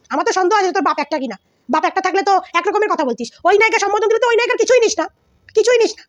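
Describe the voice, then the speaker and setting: A woman's voice: extremely high pitch, a bit bright, no room sound, muffled recording. A woman vlogger giving heated celebrity gossip commentary, scolding and insulting with lots of repetition.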